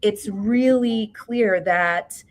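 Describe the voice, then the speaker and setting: New york lady guest, stops and restarts a lot, keeps asking right?, mid pitch. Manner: halting, many fillers and restarts, "right?" tags. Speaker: guest, education expert. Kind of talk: interview conversation.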